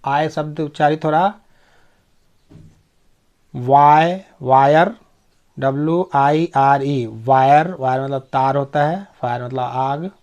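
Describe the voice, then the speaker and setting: A man's voice: fairly high pitch, steady tone, takes it slowly, pauses often, darkish tone, clear, resonant tone, dull audio. A man giving a pronunciation lesson, spelling words out letter by letter, repeating each word and checking that his listeners follow. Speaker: English pronunciation teacher.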